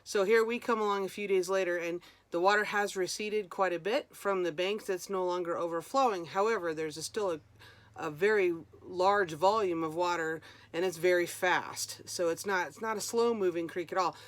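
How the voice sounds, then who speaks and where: A woman's voice: on the low side, moderate pace, no echo. A woman talking casually for a vlog as a hiker, chatty and informal, thinking aloud as she goes. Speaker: vlogger, hiker.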